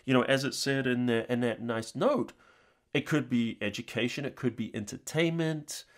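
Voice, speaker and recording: A middle-aged channel host from New Zealand talks to his audience in a casual, rambling, informal way. His voice is medium-pitched and his speed is normal.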